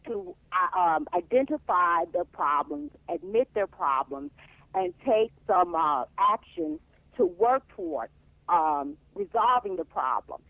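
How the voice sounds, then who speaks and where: A man calling in to a radio talk show, speaking haltingly with many fillers. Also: sits high, gravelly, no echo. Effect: phone line. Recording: tinny phone line.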